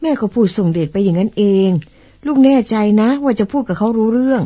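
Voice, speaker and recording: A woman's voice: on the high side, animated, quick pace, warm tone. A woman acting in an old-style radio drama as a fussy, easily startled mother who exclaims and wonders aloud. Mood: puzzled.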